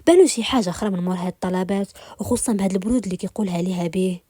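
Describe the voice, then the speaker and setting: A woman with a Moroccan accent narrating a story in an even, storytelling manner. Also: mid-range voice, very fast, slightly rough, dry recording, studio quality. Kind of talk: read-aloud story narration.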